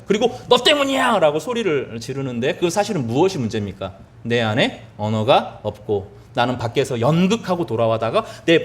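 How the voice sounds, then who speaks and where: Male pastor, sermon delivery, high and lively pitch, rhetorical questions, repeats key words. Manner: asks the congregation questions and answers them himself.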